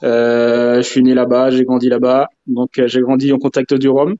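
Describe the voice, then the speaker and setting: Man from Martinique, mellow voice, hesitant, lo-fi video call sound. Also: mid-range voice, completely flat delivery, moderate pace. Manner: hesitant, many fillers and restarts. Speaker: rum specialist guest. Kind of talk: live video call chat. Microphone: phone on a video call. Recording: dull lo-fi call audio.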